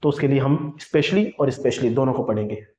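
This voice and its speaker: A man's voice: medium pitch, normal speed, darkish tone. A man with a Hindi accent teaching an English lesson, who asks questions and answers them himself. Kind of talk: classroom lesson. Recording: echoey, dull lo-fi room sound.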